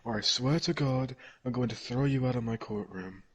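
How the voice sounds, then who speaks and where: A man's voice: mid-range voice, moderate pace, husky, close to an everyday voice. A man voicing a stern, commanding judge in a playful video game dub. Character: stern middle-aged male judge.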